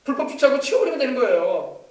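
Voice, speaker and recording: A man pastor delivers a rapid sermon in a high voice, emphatic and exhorting, now and then dropping to quieter asides. He sounds set back from the mic, and the church hall around him rings with echo. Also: sing-song. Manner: emphatic, exhorting, switching between loud commands and soft asides. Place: church sanctuary. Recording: echoey church hall from far off.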